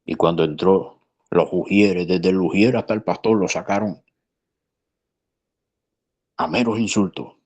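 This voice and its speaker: A man's voice: deep voice, steady tone, unhurried, long pauses, darkish tone, husky. A man, a pastor, telling a story in conversation in an earnest, emphatic way. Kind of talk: preaching in conversation.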